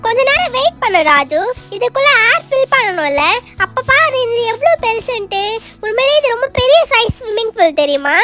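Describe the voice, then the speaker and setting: A woman's voice: very high voice, sing-song, brisk, pushed and bright, faint music behind. A woman hosting and narrating a children's doll show, talking cheerfully and chattily to her friends.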